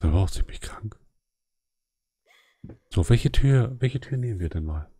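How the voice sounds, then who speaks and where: A man's voice: on the low side, expressive, unhurried, dark tone, husky, no room sound. A man casually commenting on a horror game during a live stream, joking and chatting with his viewers.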